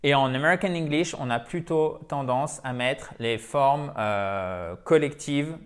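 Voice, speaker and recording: A man's voice: mid-range voice, measured pace, smooth. French-speaking male English teacher, patient, repetitive explainer, self-correcting. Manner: explanatory, repeats himself, corrects himself. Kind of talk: grammar lesson.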